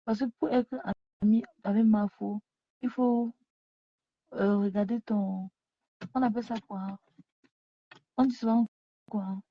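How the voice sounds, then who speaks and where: Lying at home, a live streamer rants into a phone she has set down, scolding and repeating herself for her viewers. She has a medium-pitched voice with fairly even intonation and a measured pace broken by long pauses. The audio is dry and dull, lo-fi phone quality.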